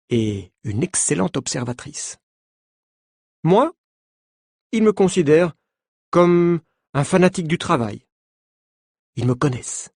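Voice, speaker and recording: A man tells a learners' story in first person, slowly and with careful diction. His pitch moves freely up and down. The recording is dry and close with no room sound. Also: a little mellow, dry recording. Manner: slow, clear, carefully articulated. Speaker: narrator. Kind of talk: slow scripted story narration for learners.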